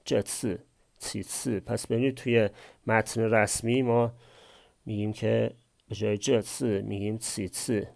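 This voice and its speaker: A man's voice: fairly low pitch, level tone, vocal fry, a little mellow. A man teaching a language class, explaining a text phrase by phrase and posing questions he then answers himself. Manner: asks and answers his own questions.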